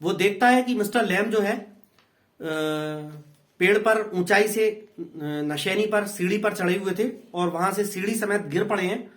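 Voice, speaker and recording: A man's voice: high-pitched, a little slow, fairly bright tone. A man with an Indian accent, an English tutor patiently explaining a play in a class lesson. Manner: patient, repeats and explains in two languages.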